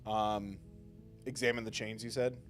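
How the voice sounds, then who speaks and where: A man's voice: lowish voice, level tone, unhurried. A man livestreaming a game with casual commentary and joking, theatrical asides. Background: faint game music.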